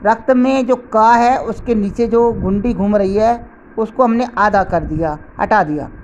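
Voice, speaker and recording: Middle-aged woman teacher, grammar lesson, unhurried and deliberate, spells out each example, medium pitch. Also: a little mellow, highs cut off, slight background noise.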